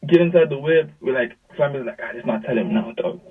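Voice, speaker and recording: Crowd noise sits behind a young South African man speaking a little fast in a medium pitch. He's a music artist being interviewed on a video call that sounds thin, phone-like, and far away. His storytelling is slangy and lively, with acted-out quotes.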